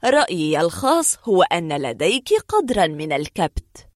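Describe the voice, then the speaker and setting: A woman voicing a pompous, pipe-smoking male psychiatrist who speaks in a low, self-important, moralizing way. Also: very animated, normal speed, no echo, clean studio sound.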